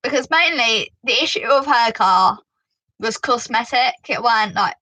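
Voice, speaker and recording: A woman with a British accent tells her story casually to the camera, talking in an animated rush of "like" and "you know." Her voice sits a little high and sounds bright and clear. The sound is dry and close, with no room echo. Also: normal speed. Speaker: vlogger giving driving advice.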